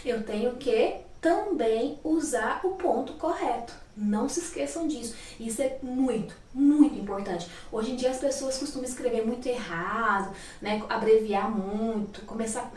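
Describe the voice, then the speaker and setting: A woman's voice: a little high, moderate pace, hardly any pauses, a little mellow, recorded from a distance. A woman teacher with a Brazilian Portuguese accent giving a casual grammar lesson, often checking in with little tag questions. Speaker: English teacher. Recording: echoey room, voice a little off-mic.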